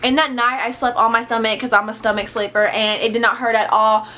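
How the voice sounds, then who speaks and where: A young woman telling a candid storytime in a casual vlog, chatty and animated, swearing freely. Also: a little high, brisk. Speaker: vlogger.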